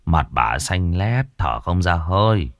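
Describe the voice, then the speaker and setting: A man voicing a grieving, poor old grandfather in a ghost story, speaking in a heavy, weary, halting way. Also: low-pitched, big pitch swings, no room sound, clean studio sound, exaggerated voice.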